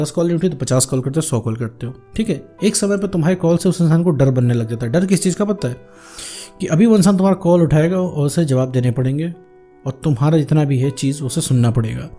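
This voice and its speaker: A man's voice: fairly high pitch, warm tone. A man hosting a relationship advice video, speaking informally and directly to the viewer, often calling them "my friend" and repeating his points for emphasis. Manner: repetitive, emphatic phrasing. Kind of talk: direct-address advice talk.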